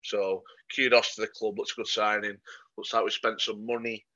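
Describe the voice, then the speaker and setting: This football podcast co-host is a man with a lowish, bright and forceful voice, moving little in pitch and keeping a moderate pace. He gives dry, matter-of-fact opinions with lots of ums in casual chat. The podcast-microphone recording sounds muffled and lo-fi.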